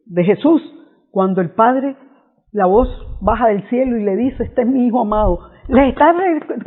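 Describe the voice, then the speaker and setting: A man preaching an unscripted reflection on scripture, earnest, often restarting and repeating his phrases. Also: very high-pitched. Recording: tinny phone-like audio.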